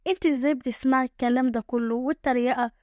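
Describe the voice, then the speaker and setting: A woman's voice: high voice, fairly even intonation, rapid-fire, a little mellow, no room sound, studio quality, close to an everyday voice. A woman voicing a worried middle-aged village mother with an Egyptian accent who pleads and scolds. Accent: Egyptian Arabic.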